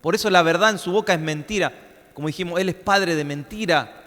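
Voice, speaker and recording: A male pastor preaching a sermon with emphasis, repeating phrases and slowing down to stress them. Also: sits high, a bit bright, in a large hall. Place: church.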